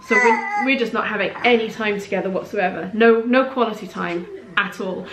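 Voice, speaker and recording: A woman's voice: mid-range voice, expressive, normal speed, noisy background. A woman, talking candidly to camera as a parenting vlogger, chatty and heartfelt with rambling asides. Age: late 30s. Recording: roomy echo in a home room.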